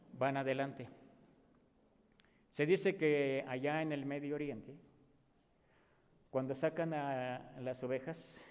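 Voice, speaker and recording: A man with a Mexican accent preaching a sermon as pastor, animated and acting out the voices he quotes. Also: on the high side, clean tone. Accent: Mexican Spanish. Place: church. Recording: long reverb of a church hall.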